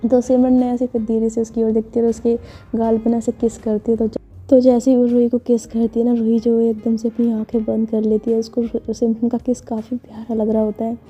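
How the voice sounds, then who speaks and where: A woman narrating a romantic story in a chatty, casual way, full of fillers and quick self-corrections. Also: fairly high pitch, monotone, dark tone, slightly rough. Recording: dull lo-fi recording with faint music. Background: faint background music.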